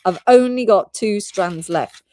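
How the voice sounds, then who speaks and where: A woman's voice: medium pitch, a little slow, mellow. Chatty British woman selling pearls live. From Britain. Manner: chatty, giggly, rambling product talk. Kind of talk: live shopping stream.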